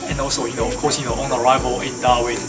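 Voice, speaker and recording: Loud music plays behind a man who sits slightly away from the microphone. He has a Japanese accent and a middling pitch. He answers casually as an interviewed student, hesitating and restarting his phrases. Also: flat delivery, very fast, far from the mic. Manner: hesitant, repeats and rephrases phrases.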